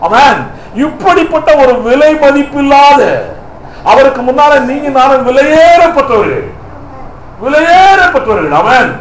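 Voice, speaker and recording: A man's voice: extremely high pitch, lively intonation, measured pace, slight background noise. A male pastor preaching a fervent sermon, firing rhetorical questions at the congregation and punctuating with hallelujah and amen. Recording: echoey hall.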